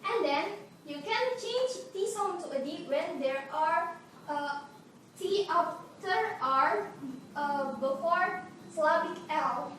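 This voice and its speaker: Teen girl, student presenter, stop-start delivery, high voice, boomy room. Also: lively intonation, a bit bright. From Indonesia. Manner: halting, many fillers and restarts. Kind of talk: classroom presentation. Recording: echoey room, noisy, far from mic.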